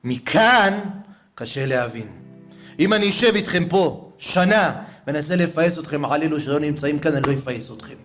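A male preacher tells a story in a sermon, emotive and expressive. His voice sits slightly higher than most men's. It sinks to near-whispers at the saddest points and climbs again with fervor, with faint music behind him. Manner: emotive, swinging between hushed and raised.

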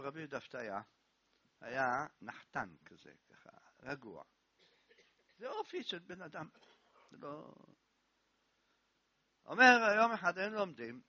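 A man giving a sermon, telling stories as a lively storyteller who repeats words for emphasis, in a dull, dry recording. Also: on the high side, breathy edge, no room sound. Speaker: rabbi giving a lesson.

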